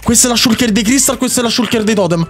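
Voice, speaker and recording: Young male gamer, high-pitched and excitable, spilling out repeated words; soft music under him. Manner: excitable, rapid repetitions, teasing opponent. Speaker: Minecraft YouTuber. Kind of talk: gameplay commentary.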